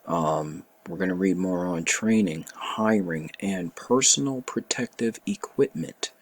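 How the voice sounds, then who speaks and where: Husky deep-voiced man, animated commentary. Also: a little slow. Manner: animated, emphatic, repeats and rereads phrases. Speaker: commentator reading a bill. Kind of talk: casual opinion commentary.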